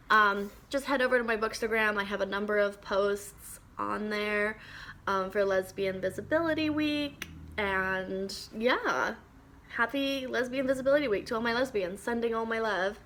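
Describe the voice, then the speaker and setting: A woman's voice: medium pitch, unhurried, fairly bright tone. A young woman talking to the camera about her favorite books, chatty and enthusiastic with lots of ums and little laughs. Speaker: book vlogger. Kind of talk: casual book recommendation vlog.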